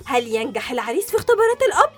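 A woman with a high, swooping voice narrates a mock livestream in a theatrical, teasing tone. She speaks with an Egyptian Arabic accent over faint music. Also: very animated, very fast, fairly bright tone. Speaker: livestream host. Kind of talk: mock live commentary.

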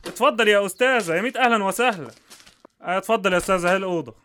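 A working-class Egyptian doorman in a radio play. He is eager to please and rattles along very quickly. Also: high voice, fairly bright tone, a little hiss or hum. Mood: eager, obliging. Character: obliging, chatty working-class male doorman. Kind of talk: radio drama acting.

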